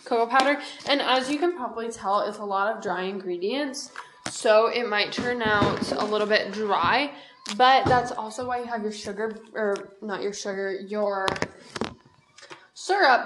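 A woman's voice: mid-range voice, background noise. A young woman casually talking through a recipe in her home kitchen, rambling and poking fun at herself. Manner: rambling, chatty, self-deprecating. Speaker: podcast host. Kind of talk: casual cooking talk.

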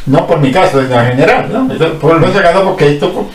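A man's voice: a little high, expressive, fast, distant mic, a little hiss or hum. Rambling man, roomy and off-mic. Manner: rambling, explanatory, many restarts. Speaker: guest. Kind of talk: casual radio-style conversation.

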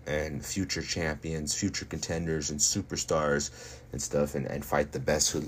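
Cocky, deep-voiced man boasting over background noise. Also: flat delivery, normal speed. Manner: cocky, boastful, emphatic repetition; casual swearing, slangy. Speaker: fighter. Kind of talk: casual livestream monologue.

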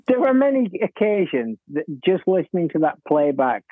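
On a tinny, phone-like remote line with a dry sound, a man with a high, very animated voice talks at a moderate pace. An author appearing on a music podcast, he chats casually and enthusiastically about a band, frequently repeating words as he goes.

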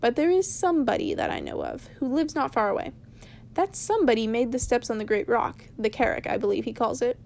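A woman's voice: on the high side, huge pitch swings, brisk, gravelly, darkish tone, a little hiss or hum, heavily acted. A woman reading aloud as a cross, lecturing old male wizard from a storybook, in a voice close to her own. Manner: stern, lecturing.

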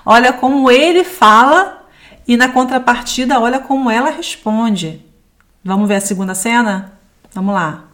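A woman's voice: a little high, moderate pace, fairly bright tone. Brazilian woman teaching from scripture. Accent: Brazilian Portuguese. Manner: reflective, quotes scripture, asks the audience questions. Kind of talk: devotional teaching talk.

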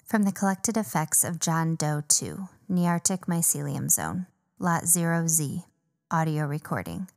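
A woman as a low-voiced formal evidence clerk. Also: animated, a little slow. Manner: formal, procedural delivery. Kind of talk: formal scripted narration.

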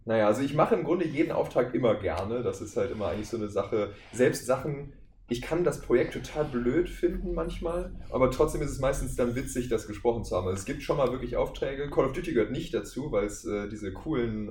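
Here the podcast guest's medium-pitched voice is expressive, brisk and a little mellow. As a voice actor and audio drama maker, he talks about his work informally in a casual interview. The recording has an echoey room sound and faint background noise.

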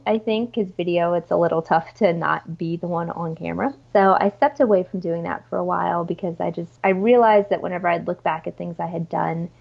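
A woman's voice: on the low side, vocal fry, muffled recording. A woman chatting casually as a podcast guest, informal and enthusiastic, with plenty of "like" and "you know". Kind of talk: casual, chatty interview conversation.

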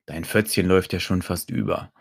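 A man reading an audiobook story, voicing a fat, domineering old stranger in a low murmur. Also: fairly even intonation, brisk, creaky, breathy edge, dry recording, clean studio sound, full character voice. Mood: commanding.

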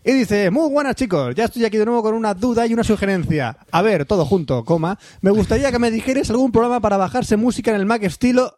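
Playful high-voiced host. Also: male voice, fast talker, few pauses, no echo, studio quality. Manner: playful, jokey, puts on loud exaggerated voices. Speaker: podcast host reading listener emails. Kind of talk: casual podcast chat.

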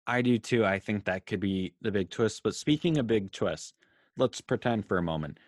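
A man's voice: fairly low pitch, animated, normal speed, no room sound, studio quality. A man co-hosting a podcast, chatting casually and posing questions with frequent filler words. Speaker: podcast co-host. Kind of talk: casual chat.

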